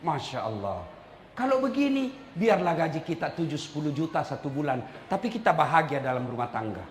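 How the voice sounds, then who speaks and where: High, lively male preacher in an echoey hall. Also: brisk, slight background noise. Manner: animated, teasing, jumps between loud punchlines and hushed asides. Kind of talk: humorous sermon to a live audience. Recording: roomy echoey hall with faint ambience.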